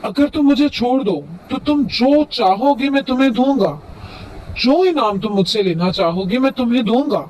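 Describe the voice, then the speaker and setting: A woman voicing a magic talking fish, an enchanted male prince who calmly grants wishes in a storybook tale. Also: on the high side, a little hiss or hum, lightly acted, poor audio. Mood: solemn.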